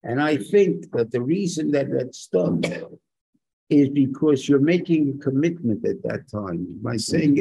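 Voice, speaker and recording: Gravelly man teaching Torah. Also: medium pitch, dark tone, poor audio. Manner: rhetorical questions and short emphatic repetitions. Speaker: rabbi giving a Torah lesson. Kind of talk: informal religious lecture.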